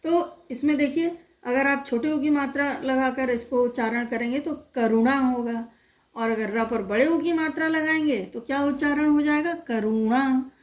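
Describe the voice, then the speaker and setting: A woman teaching young children, slowly spelling out words sound by sound with patient repetition. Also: high-pitched, steady tone. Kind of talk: online primary-school lesson.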